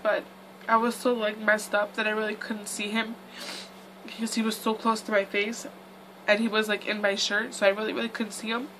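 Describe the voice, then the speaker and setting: A woman's voice: fairly high pitch, pushed and bright, a little hiss or hum, low-quality recording. A young woman vlogger telling a casual storytime in a chatty, rambling way full of "like" and "um".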